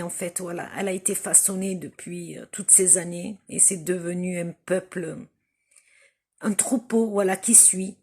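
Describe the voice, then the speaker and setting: A woman from Algeria making an impassioned spoken appeal to her viewers. She speaks slowly and emphatically, repeating phrases for stress. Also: on the low side, darkish tone, husky. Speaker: vlogger addressing viewers.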